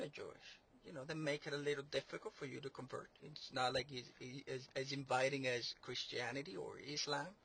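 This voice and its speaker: A man's voice: on the high side, vocal fry, a bit bright, breathy edge. A man delivering a sarcastic political monologue, rambling and mocking, with many fillers and restarts. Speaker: commentator.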